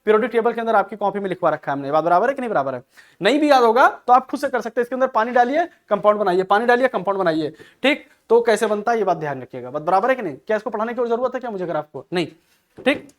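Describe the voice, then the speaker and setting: A man's voice: high-pitched, animated, very fast. A male chemistry teacher giving an exam-prep lecture. He keeps asking rhetorical questions and answering them himself, and calls his students "beta". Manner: addresses students affectionately as "beta".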